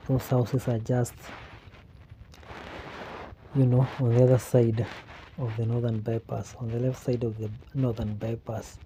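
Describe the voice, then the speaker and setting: A Kenyan-accented man narrates a casual walking vlog outdoors. His voice is very mellow and fairly even in pitch, and he takes his time, repeating phrases for emphasis. Faint street ambience sits behind him. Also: a little hiss or hum, rough recording. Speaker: vlogger.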